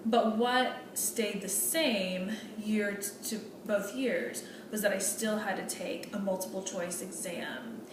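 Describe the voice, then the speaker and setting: A woman's voice: medium pitch, steady tone, slow pace, hardly any pauses, lightly acted. A woman playing an earnest female medical student in a role-play meeting, speaking politely and hesitantly with many fillers and restarts. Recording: echoey room, distant mic, noisy.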